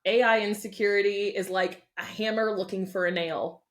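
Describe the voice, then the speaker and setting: A woman guest in a casual interview, candid and quick to laugh. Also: medium pitch. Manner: animated, candid, laughs freely.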